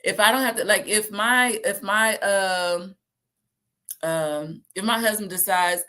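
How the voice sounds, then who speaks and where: A woman, talking casually and lively to her viewers and acting out the voices she quotes. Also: mid-range voice, measured pace. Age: 30s. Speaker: host.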